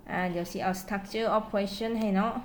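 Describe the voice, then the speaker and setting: A woman with a Lao accent teaching English at home. She says English phrases slowly and carefully, then quickly translates each one. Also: mid-range voice, fairly even intonation, slight background noise. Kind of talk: casual spoken lesson.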